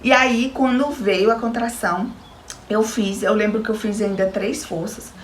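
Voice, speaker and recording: A woman's voice: medium pitch, fairly even intonation, a little slow, echoey room, a little hiss or hum. A young Brazilian woman with a Brazilian Portuguese accent, telling her personal story to her viewers in an earnest, emotional way. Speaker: new mother giving a testimony. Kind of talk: personal testimony.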